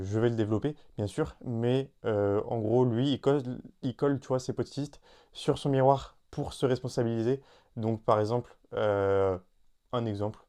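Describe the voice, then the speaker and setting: Male podcast host, hesitant and informal, warm low-key timbre. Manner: hesitant, many fillers and restarts; addresses listener informally. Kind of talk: solo podcast talk.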